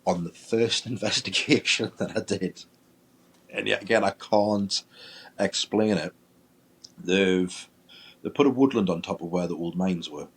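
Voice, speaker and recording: A man, a paranormal investigator, telling a ghost-hunting story in a lively way and acting out his own reactions. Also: low voice, measured pace, pauses often, slightly rough. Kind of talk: storytelling in casual chat.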